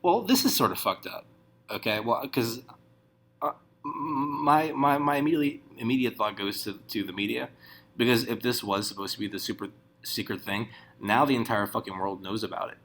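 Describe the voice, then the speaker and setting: Vlogger, male, low gravelly voice, loose profane off-the-cuff commentary. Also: a little fast, fairly bright tone. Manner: profane, rambling, many restarts. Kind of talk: casual ranting commentary.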